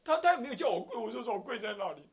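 A man's voice: very high voice, sing-song, very fast. A man with a Taiwanese Mandarin accent, a Buddhist abbot lecturing who acts out little scenes and chuckles often.

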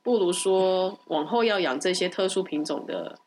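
A woman's voice: lowish voice, normal speed, darkish tone, slight background noise. A woman with a Taiwanese accent and a stuffy, nasal voice, explaining things in casual podcast chat with firm opinions and repetition for emphasis. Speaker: podcast co-host explaining dog topics.

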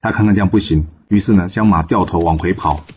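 A man's voice: low voice, fast, dull audio, slight background noise. A man telling a classic tale in a casual, chatty storytelling manner with many fillers. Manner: chatty, filler-heavy narration.

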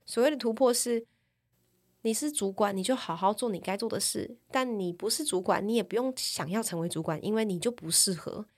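A woman's voice: mid-range voice, fairly quick. Candid woman podcaster. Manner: candid and reflective, tags sentences with a trailing "这样". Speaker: podcast speaker. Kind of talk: personal storytelling podcast talk.

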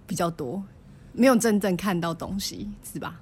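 A woman's voice: on the low side, normal speed, darkish tone, slightly rough. A woman co-hosting a casual podcast, telling a short story and asking brief questions of her co-host. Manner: listener who prompts with short questions and back-channel sounds. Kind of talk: casual chat.

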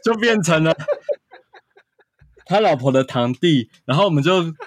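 A man spins a chatty anecdote in a fairly high voice. He strings events together with constant "and then"s and acts out the lines of each person in the story. The sound is dry and close, with no room around it. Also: measured pace, no room sound. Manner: animated anecdote-telling with quoted dialogue and frequent "然后". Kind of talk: casual storytelling.

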